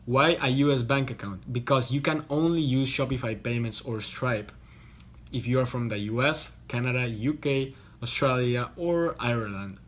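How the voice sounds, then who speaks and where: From a hotel room, a young Costa Rican man who vlogs about online business explains things to the camera at normal speed. His middle-pitched voice and chatty delivery come with frequent restarts and repeated words.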